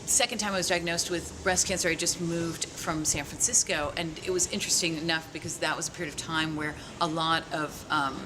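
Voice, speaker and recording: A woman's voice: deep voice, steady tone, brisk, hardly any pauses. A woman in her forties speaking bluntly and frankly in an interview. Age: 40s. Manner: blunt, frank, with mild profanity. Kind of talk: candid interview talk. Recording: noisy recording.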